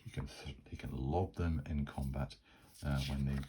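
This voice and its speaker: A man's voice: extremely low pitch, fairly even intonation, normal speed, warm tone, a little hiss or hum. A Scottish man narrating a solo tabletop game, rambling and stopping often to restart his sentences. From Scotland. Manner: rambling, full of fillers and restarts. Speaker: solo game master and player.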